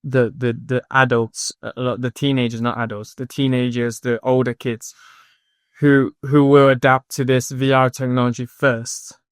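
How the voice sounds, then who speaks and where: A man hosting a podcast interview, talking in halting bursts and repeating words as he thinks. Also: medium pitch, flat delivery, clean tone, no echo, clean studio sound. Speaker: podcast host.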